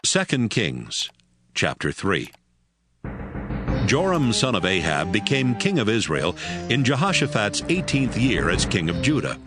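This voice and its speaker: A man with a low voice reads a dramatized scripture audiobook, giving it plenty of expression. Music sits clearly underneath the narration.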